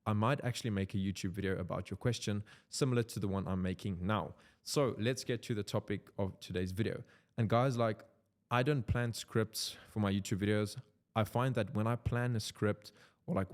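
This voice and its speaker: This content creator is a young South African who speaks Afrikaans but vlogs here in English with his South African accent, loose and rambling with plenty of "like." His pitch is fairly low and his tone a little mellow.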